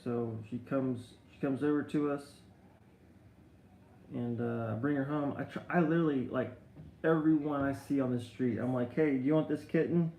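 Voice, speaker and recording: A man's voice: medium pitch, steady tone, moderate pace, creaky, mellow, reverberant, a little hiss or hum, rough recording. A middle-aged man on a live stream, telling long rambling stories with many restarts and answering viewer comments. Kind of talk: casual live-stream chat.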